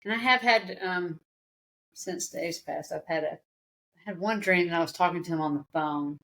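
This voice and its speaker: A woman speaking as a podcast guest in a reflective conversation, often pausing and restarting as she searches for her words. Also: lowish voice, fairly bright tone, poor audio.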